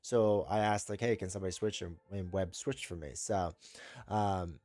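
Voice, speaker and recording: Hosting a casual live stream, this man has a low, slightly mellow voice stuffed up from a cold. He speaks at normal speed with fairly even intonation, rambling and opinionated, often restarting sentences as he reads and answers chat. There's no room sound.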